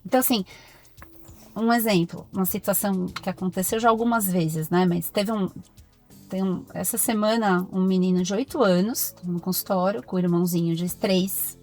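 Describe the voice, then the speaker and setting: A Brazilian woman, a pediatrician, talking as a podcast guest in firm, animated stories full of acted-out dialogue. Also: medium pitch, moderate pace, faint music behind. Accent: Brazilian Portuguese. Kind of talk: podcast interview conversation.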